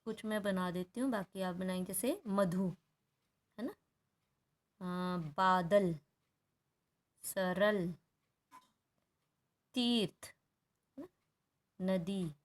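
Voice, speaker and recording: Woman teacher, slow unhurried delivery, patient step-by-step explaining, workbook lesson. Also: mid-range voice, a little mellow. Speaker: Hindi teacher.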